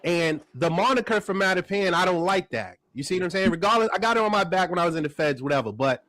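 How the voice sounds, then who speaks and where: A man's voice: high voice, expressive, quick pace, a bit bright, dry recording. A man, a small business owner talking casually and slangily on a podcast. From Boston, USA. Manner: streetwise, slangy, acts out others' voices.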